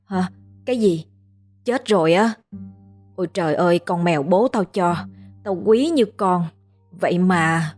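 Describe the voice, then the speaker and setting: A woman's voice: on the low side, normal speed, a little mellow, soft background music, lightly acted. A woman voicing a blunt, plain-spoken old village grandmother who scolds. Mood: startled.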